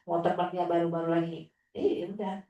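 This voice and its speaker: A woman religious teacher tells an inspirational story about her students in a low-pitched voice, now and then jumping high to mimic a sulky child. She sounds far from the mic in a very echoey hall. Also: level tone, a little fast, mellow. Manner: storytelling, acting out a child's whiny replies. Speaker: Islamic teacher. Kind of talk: inspirational sharing talk. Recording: echoey room, distant mic.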